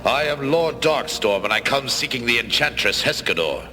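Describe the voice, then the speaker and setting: Man playing a pompous villain lord, wildly swinging pitch. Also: lively intonation, normal speed, music in the background, lightly acted. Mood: vengeful. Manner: pompous, declamatory. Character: proud, vengeful villain lord, bombastic and impatient. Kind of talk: cartoon villain acting.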